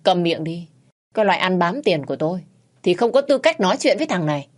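A woman's voice: lowish voice, sing-song, quick pace. A woman voicing a cruel, cursing stepfather. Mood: contemptuous. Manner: shouting, contemptuous, cursing. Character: cruel greedy middle-aged stepfather.

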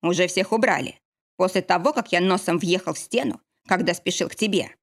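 A woman reading the lines of a gruff, proud young husband in an audiobook, speaking curtly. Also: fairly low pitch, a little fast. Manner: growling, curt.

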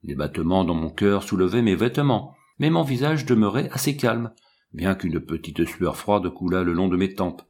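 A man reading a novel aloud as the narrator, in an expressive and dramatic way. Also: sits low, normal speed. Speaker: audiobook narrator.

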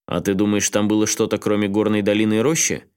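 A man doing a calm skeptical friend. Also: on the low side, clear, resonant tone, lightly acted. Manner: level, skeptical, unhurried. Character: calm, doubtful middle-aged man on the phone.

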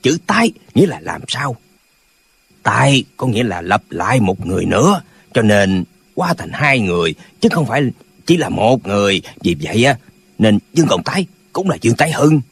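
Bickering old kung-fu brothers, voiced by a man for an audiobook, husky and lively in pitch, arguing pedantically over nothing. The sound is dry and close. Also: normal speed, no room sound, exaggerated voice. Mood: quarrelsome. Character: quarrelsome old male martial-arts brothers.

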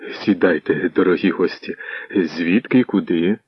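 A man's voice: deep voice, slightly rough, dry recording. A man reading a nervous, fawning boyar host in an audiobook. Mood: anxious. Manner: nervous, hurried. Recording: dull muffled audio.

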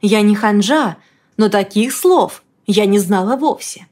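A woman reading a first-person novel aloud in a lively, expressive storytelling manner. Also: medium pitch, unhurried. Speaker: audiobook reader. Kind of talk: first-person audiobook narration.

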